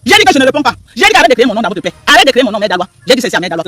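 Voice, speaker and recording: A man's voice: very high voice, very animated, rapid-fire, very noisy. A man giving heated live-stream commentary, repeating himself and firing rhetorical questions at the audience. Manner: emphatic, repetitive, rhetorical questions to viewers.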